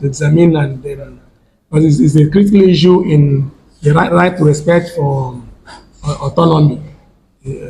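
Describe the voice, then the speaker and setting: A man with a Nigerian accent speaks in a formal academic register, his voice sitting a little high for a man. He poses rhetorical questions, often stops and restarts words, and a faint hiss of noise runs under the recording. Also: vocal fry, dark tone, rough recording. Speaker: academic roundtable anchor.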